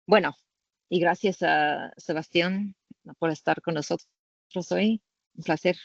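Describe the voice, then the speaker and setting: A woman presents informally in halting, unhurried and searching for each word. She is an English speaker. The sound is dry and a little dull, like an online call. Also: fairly low pitch, vocal fry, no room sound. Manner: halting non-native Spanish, searching for words. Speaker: co-presenter at a patient-family webinar. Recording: roomless, band-limited online call audio.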